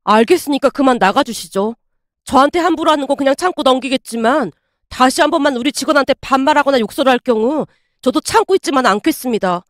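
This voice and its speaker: A woman's voice: high voice, expressive, quick pace, dry recording, clean studio sound. A woman reading the part of a patient male restaurant manager who stays polite and firm, in a story narration. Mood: restrained.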